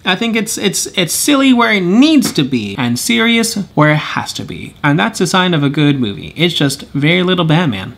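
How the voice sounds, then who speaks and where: A young man reviewing films and shows in a casual vlog, rambling and correcting himself as he talks, with pitch jumping high and low for emphasis. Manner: rambling, self-correcting, chuckles often. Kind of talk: casual monthly review chat.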